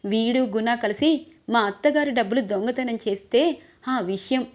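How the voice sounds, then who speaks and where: A woman doing a fierce young wife, loud and scolding. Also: fairly high pitch, moderate pace, lightly acted. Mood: indignant.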